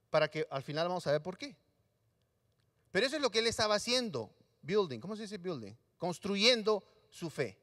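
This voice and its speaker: Animated, high-voiced preacher. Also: male voice. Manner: animated, acts out voices of Bible figures for the congregation. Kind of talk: sermon. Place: church hall. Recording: live stream in a reverberant hall.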